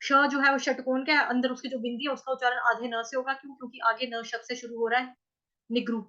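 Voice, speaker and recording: A woman teaching how to chant scripture verses, patiently explaining and repeating syllables slowly. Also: high voice, level tone, sharp tone, lo-fi sound.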